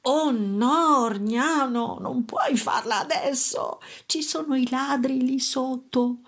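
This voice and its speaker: Storybook peasant mother, woman reader: tired, worried, slow and soft, a bit higher. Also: exaggerated voice. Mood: hushed worry.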